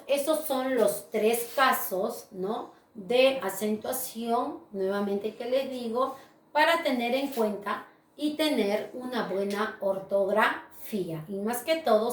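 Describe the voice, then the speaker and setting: A woman teacher talks slowly and patiently, with a somewhat high voice. She checks in with her listeners often as she explains. She sounds set back from the mic in an echoey room. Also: animated, recorded from a distance. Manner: slow, patient explaining with frequent "¿verdad?" tags. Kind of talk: recorded grammar lesson.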